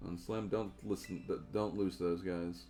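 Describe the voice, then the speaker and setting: A man's voice: low voice, fairly even intonation, moderate pace, warm tone, faint music behind. A young man streaming a game, chatting casually in a loose, rambling way full of fillers. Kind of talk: casual gameplay chat.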